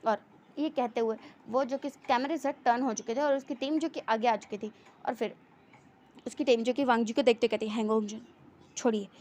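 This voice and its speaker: A woman's voice: a little high, fairly even intonation, brisk, darkish tone. A woman telling a fan-fiction story in a chatty, run-on way with many fillers.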